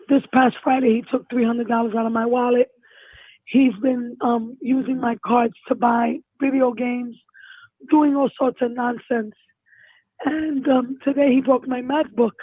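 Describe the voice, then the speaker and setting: Hoarse, high-voiced woman on a phone line. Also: steady tone, moderate pace, no echo. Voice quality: hoarse, raspy, voice giving out. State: losing her voice, distressed. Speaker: caller. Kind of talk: emotional personal account. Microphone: phone call. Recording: tinny, narrow phone-line sound.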